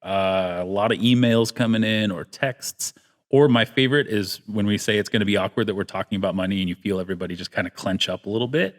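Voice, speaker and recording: A man's voice: lowish voice, fast. A man hosting a casual church podcast, jokey and playful, often laughing. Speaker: podcast host.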